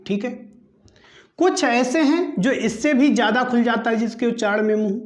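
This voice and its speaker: A man's voice: extremely high pitch, roomy sound. A man teaching an exam-prep grammar lesson, quizzing the class and answering himself while drilling each term. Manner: asks quiz questions and answers them himself, repeating terms; slow, deliberate drilling of each item.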